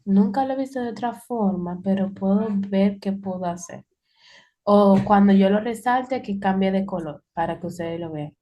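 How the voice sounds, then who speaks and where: A woman's voice: mid-range voice, moderate pace, mellow, dull audio. A woman teaching English in an online class, explaining patiently and repeating key points.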